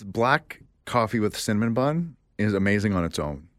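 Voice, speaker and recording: Young male co-host, deep voice, dry close sound, animated storyteller. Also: normal speed, no echo. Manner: animated storyteller, mimics relatives in a high voice. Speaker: podcast co-host. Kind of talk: casual chat.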